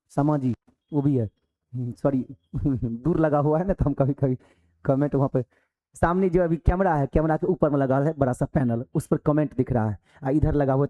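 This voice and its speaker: A man's voice: a little high, mellow. A male coaching teacher, giving a live online class from the hall of his coaching centre, talking conversationally with rhetorical questions and acting out pupils.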